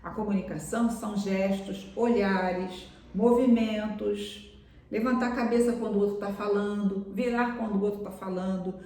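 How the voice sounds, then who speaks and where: A woman preaches a sermon on a live stream and keeps addressing her listeners tenderly as beloved. Her voice is of middling pitch. She sounds far from the mic in a strongly echoing room. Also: steady tone, moderate pace, a little hiss or hum. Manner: warm pastoral address, calls listeners "amados".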